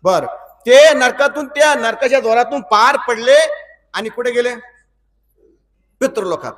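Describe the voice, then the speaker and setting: High-voiced preacher telling a story. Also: male voice, unhurried, a bit bright, distant mic. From Maharashtra, India. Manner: asks the audience rhetorical questions and repeats lines; acts out dialogue between characters in the story. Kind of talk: storytelling sermon.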